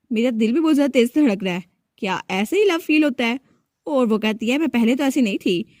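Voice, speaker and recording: A woman's voice: on the high side, a little mellow, no echo, studio quality. A woman retelling a comic story, narrating plainly and voicing every character in her own voice.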